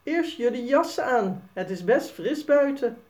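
A woman voicing a caring mother who gently bosses and teases the children. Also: high voice, expressive, measured pace, far from the mic, pitched above the performer's own voice. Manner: gently bossy, teasing. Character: caring, playful mother of a young girl.

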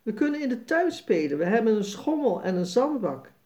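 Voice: medium pitch, big pitch swings, a little fast, a little mellow, far from the mic, voice pushed up, close to an everyday voice. A storybook reader voicing a cheerful, slightly bossy little girl in a chirpy voice.

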